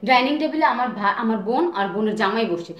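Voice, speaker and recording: A woman's voice: on the high side, lively intonation, quick pace, roomy sound, highs cut off, lightly acted. An actress playing a snobbish daughter-in-law who defends herself haughtily and is ashamed of her father-in-law. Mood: defensive haughty. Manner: defensive, haughty, snapping back.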